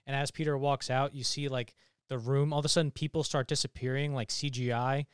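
Podcast panelist, male, smooth clear voice, dry close sound, excitable rambling recap. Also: medium pitch, fairly quick, no echo. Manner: excited, rambling retelling with many fillers. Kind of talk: casual movie podcast chat.

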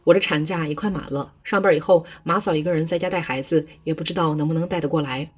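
一个女人为一位强势自私的婆婆配音，语气平直，像照本宣读。. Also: female voice, low voice, steady tone, fast talker, breathy edge. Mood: scheming. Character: stern older mother-in-law, self-serving and blunt.

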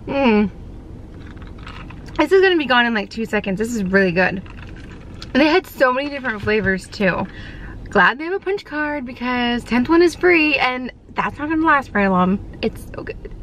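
A woman chatting casually to her camera in a vlog, lively and rambling, out and about on a hot day. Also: on the high side, a little hiss or hum. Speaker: vlogger.

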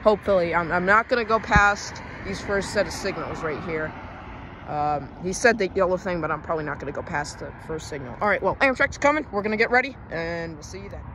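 A man's voice: sits high, fairly quick, background noise. A young man vlogging as a railfan beside the tracks, telling stories in a chatty, rambling way that keeps breaking off and restarting. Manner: chatty, rambling, self-interrupting. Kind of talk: casual storytelling to camera. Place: outdoors beside railroad tracks in town.

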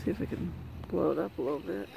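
A woman's voice: fairly low pitch, quick pace, vocal fry, noisy background. A middle-aged woman filming a casual family vlog outdoors on a handheld phone, chatty, laughing often and calling out to the kids. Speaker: family vlogger. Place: outdoors on a neighborhood walk.

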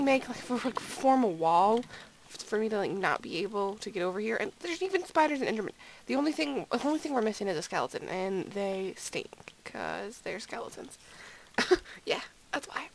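A woman's voice: medium pitch, big pitch swings, a little fast, rough recording. Woman, sleepy late-night game commentary, rambling and giggly, faint hiss behind. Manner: rambling, giggly, self-deprecating. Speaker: gaming video creator. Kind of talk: casual gameplay commentary.

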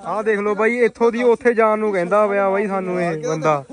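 A man's voice: sits high, fairly even intonation, fairly quick. A man in his twenties with a Punjabi accent, chatting casually as he vlogs with friends on a phone held at arm's length. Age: 20s. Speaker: vlogger filming his friends. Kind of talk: casual vlog chat.

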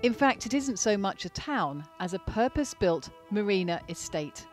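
A woman narrating a sailing travel vlog in a calm, wry tone. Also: mid-range voice, moderate pace. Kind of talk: scripted voice-over narration. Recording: voice-over with loud music bed. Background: guitar music.

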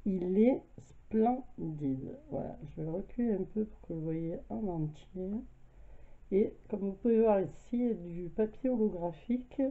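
A woman's voice: medium pitch, moderate pace. A French woman with a cold, casually showing her craft purchases and filling her talk with hesitations. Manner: chatty, hesitant, many fillers. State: has a cold, coughing. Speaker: craft vlogger. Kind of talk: casual haul video. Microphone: camera mic at home. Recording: tinny phone-like sound.

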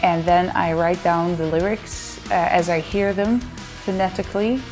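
Soft music plays behind a Dutch woman in her thirties as she chats casually to camera, seated on her living-room sofa and answering fans' questions. Her lowish, darkish voice stays steady at normal speed, and her manner is chatty and playful with frequent laughter.

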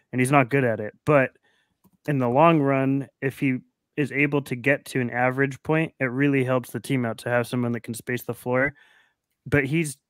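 A man's voice: mid-range voice, clear, resonant tone, dry recording, studio quality. A man talking basketball on a podcast video call, thoughtful and explaining at length with frequent restarts. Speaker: podcast co-host. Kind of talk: casual sports talk. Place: home room on a video call.

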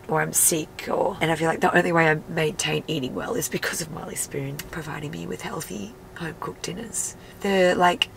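A woman's voice: low-pitched, gravelly, slight background noise, poor audio. A woman in her thirties with a nasal, congested voice from a cold, chatting candidly to camera from her car with plenty of "like" fillers. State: sick with a cold. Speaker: vlogger and mum. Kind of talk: casual car chat to camera. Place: inside a parked car.

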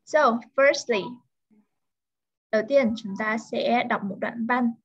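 A woman tutoring a pupil one-on-one in English vocabulary, saying each word slowly and carefully for the pupil to repeat. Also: a little high, slightly rough, lo-fi sound. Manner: slow, careful word-by-word pronunciation modeling.

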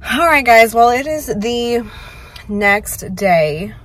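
Husky chatty woman vlogging. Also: on the high side, expressive, slow pace, a bit bright. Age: late 20s. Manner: chatty and rambling, self-deprecating. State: slightly hoarse from a loud night out. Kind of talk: casual vlog chat to camera.

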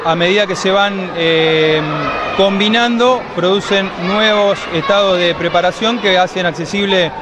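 In an indoor gymnastics hall filled with children and loud crowd noise, a high-pitched, middle-aged Argentine man talks about his school's gymnastics program. As coordinator, he answers in a measured way, sprinkling in frequent hesitant "eh" sounds, while an interviewer holds a handheld mic to him.

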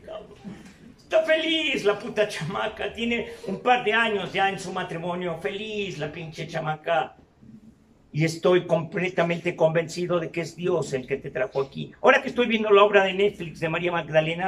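An older man with a Mexican Spanish accent giving a profane, confrontational testimony to a recovery group, shouting in bursts. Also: high voice, recorded from a distance.

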